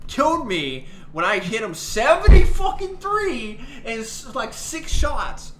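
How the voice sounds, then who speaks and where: A man's voice: extremely high pitch, very animated, takes it slowly, a bit bright, echoey room, a little hiss or hum, low-quality recording. A man raging at a video game on stream, exasperated and swearing as he complains. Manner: raging gamer, exasperated and foul-mouthed. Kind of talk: game livestream commentary.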